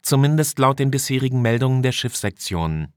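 A man reading an audiobook and voicing a female communications officer on a spaceship in a raised, brisk tone. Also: mid-range voice, lively intonation, no room sound, clean studio sound, pitched above the performer's own voice, close to an everyday voice. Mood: reporting.

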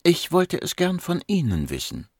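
A man's voice: medium pitch, big pitch swings, moderate pace, no echo, studio quality, voice pushed up. A man reading a patient, composed female psychiatrist in her fifties, raising his voice to play her. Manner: patient, firm, soothing.

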